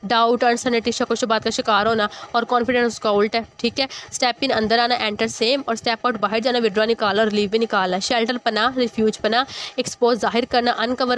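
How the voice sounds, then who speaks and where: A woman teacher works through an English exercise, translating each word and checking in with her students. Her voice sits a little high for a woman. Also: fairly bright tone. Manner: explains English words in Hindi-Urdu, repeats "ठीक है". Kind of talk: exercise walkthrough lesson.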